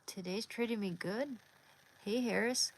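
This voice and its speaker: Speaking at a measured pace in a voice that runs a little high, this livestream host is a woman from Oregon, USA. In her casual live chat she reads comments and replies to viewers by name with ease.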